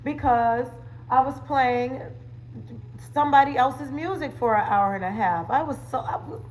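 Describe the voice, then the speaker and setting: Her voice sits high and a bit mellow, moving at a normal speed over slight background noise in a low-quality recording. The woman, a wellness coach hosting a casual livestream, banters playfully with viewers in conversational slang, laughing a lot and tossing out catchphrases.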